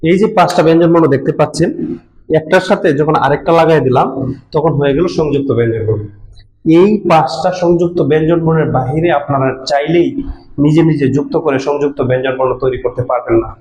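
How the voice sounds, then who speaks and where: A man's voice: a little high, fast, a little mellow, reverberant, rough recording. A man teaching a language class, explaining letter sounds patiently and repeating each one step by step. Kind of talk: classroom lesson.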